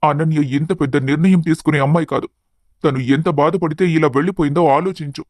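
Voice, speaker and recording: A worried, grieving father, voiced by a woman narrator who pleads in anguish, pushed well down below her usual pitch to sound like a man. The voice is fairly loud and recorded close and dry, with no room around it. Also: steady tone, a little fast, no echo. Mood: pleading. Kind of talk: storybook character voice.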